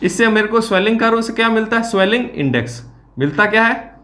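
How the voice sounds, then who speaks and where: A man teaching an engineering exam class, asking questions and answering them himself, repeating key terms slowly. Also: expressive. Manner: drops to low, quiet asides on filler words. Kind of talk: classroom lecture.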